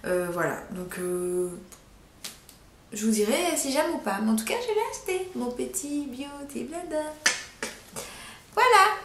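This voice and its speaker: A young woman chatting casually in a haul video, giggly and chatty, dropping into soft asides. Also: high-pitched, big pitch swings, a little slow, pauses often, slight background noise. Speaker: beauty vlogger. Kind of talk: casual haul vlog chat. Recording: echoey room.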